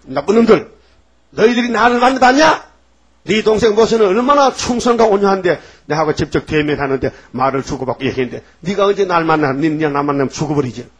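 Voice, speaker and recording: A man's voice: a little high, lively intonation, fast talker, hardly any pauses, husky. A man voicing God as an angry, scolding elder. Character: angry scolding God, old male voice of authority.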